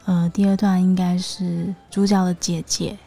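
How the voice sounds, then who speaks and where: A woman co-hosting a casual podcast chat, calm and matter-of-fact. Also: fairly low pitch, moderate pace, gravelly, faint music behind. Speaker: podcast co-host.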